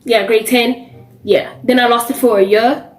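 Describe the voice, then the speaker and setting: A young woman from South Africa telling a casual storytime vlog, animated and acting out the quoted lines. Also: a little high, normal speed. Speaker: vlogger. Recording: roomy with faint music behind.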